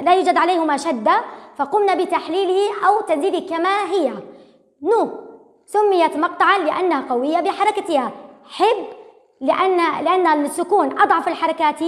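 High-voiced woman teaching in an echoey room. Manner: slow and patient, sounding out syllables and repeating them. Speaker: primary school Arabic teacher. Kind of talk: recorded lesson for young pupils.

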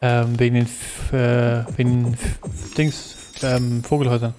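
A man's voice: medium pitch, flat delivery, unhurried, dark tone, faint music behind. A man chatting casually with a co-player while playing a video game. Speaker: let's play gamer. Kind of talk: casual gaming chat with a co-player.

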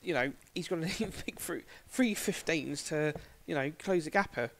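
A man's voice: fairly high pitch, normal speed. A man with an English accent giving casual, bantering darts commentary in a chatty way, often repeating his phrases. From England.

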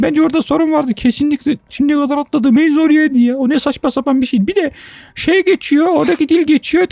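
A woman hosts a gaming video with excitable let's-play commentary, exclaiming often and speaking directly to her viewers. Her voice is high and creaky, with no echo.

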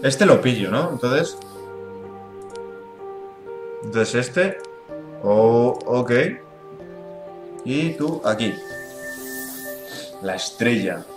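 A man's voice: mid-range voice, lively intonation, extremely slow, long pauses, reverberant, far from the mic, over music. Spanish man casually playing a game. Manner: casual, reacting aloud. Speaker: gaming youtuber. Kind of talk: let's-play commentary and reading dialogue.

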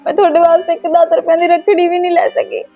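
A woman's voice: extremely high pitch, little pitch movement, fast, muffled recording, soft background music. A young woman playing a sad, mistreated orphan girl who speaks meekly. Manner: meek, tearful. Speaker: niece.

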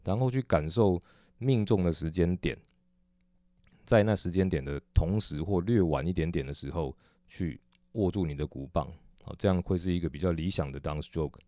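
A man with a Taiwanese Mandarin accent teaching drumming technique, explaining patiently and methodically with frequent soft "oh" fillers. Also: low-pitched, moderate pace, no room sound, clean studio sound. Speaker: drum teacher. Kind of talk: instructional explanation.

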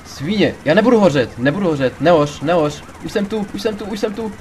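A man commentating his gameplay in a casual, rambling way, his voice sitting a little high for a man. He gets excitable, swears freely and shouts in panic when the game turns against him, with faint noise behind him. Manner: excitable, swears a lot, panics loudly in tense moments. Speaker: let's play gamer.

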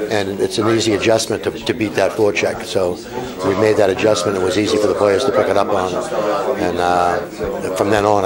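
A man's voice: fairly low pitch, low-quality recording. An older man, a hockey head coach, explaining his tactics in a plain-spoken postgame interview at an arena. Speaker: winning team head coach. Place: indoor arena press area. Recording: loud crowd behind.

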